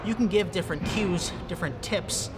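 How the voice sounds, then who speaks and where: A young man talks quickly and chattily, walking through his tips step by step. His voice sits a little high for a man, with loud music playing behind him in a big gym. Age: young adult. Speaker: fitness video creator. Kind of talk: casual how-to vlog. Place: large indoor gym. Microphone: camera close up and on tripod.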